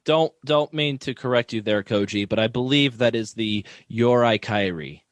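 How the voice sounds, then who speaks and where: A man's voice: mid-range voice, normal speed, no room sound. A man doing crude, wisecracking color commentary in a mock sports broadcast.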